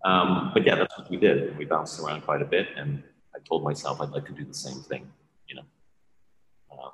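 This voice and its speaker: A man who grew up in Hong Kong, a podcast guest chatting casually and relaxed, laughing often between phrases. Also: rumbling low, moderate pace, a little hiss or hum. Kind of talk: casual chat. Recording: roomy with long reverb.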